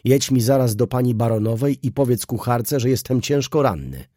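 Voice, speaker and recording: A man reading an audiobook, voicing a vain, flustered baron who talks in a shrill, blustering way. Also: expressive, normal speed, mellow, no echo, studio quality, close to an everyday voice. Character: flustered vain middle-aged male baron, shrill when hurt.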